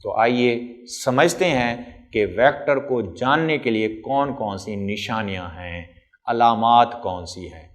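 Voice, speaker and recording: A middle-aged man teaching a physics class. He asks the class questions, answers them himself, and stretches out key terms. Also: fairly low pitch. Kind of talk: classroom lecture.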